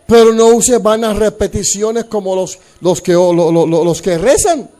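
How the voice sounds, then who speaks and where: Pastor guy preaching, high voice, acts out the stories, kinda repeats himself. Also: measured pace, warm tone. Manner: emphatic, acts out the people in the story; repeats words and restarts often. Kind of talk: sermon.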